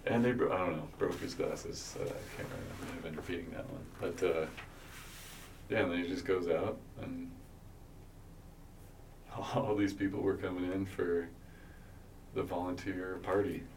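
A man answering questions as a witness, halting and unsure, often restarting his sentences. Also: low-pitched, steady tone, a little mellow. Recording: distant mic with faint noise.

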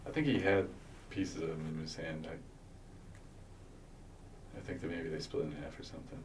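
Low-voiced man, halting witness. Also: fairly even intonation. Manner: halting, unsure, many restarts. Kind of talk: answering interview questions. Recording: distant mic with faint noise.

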